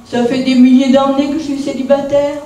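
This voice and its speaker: A woman voicing a patient, firm old Father Christmas in a storybook tale, scolding gently and calmly. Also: high voice, brisk, voice pushed up, lightly acted. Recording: echoey room.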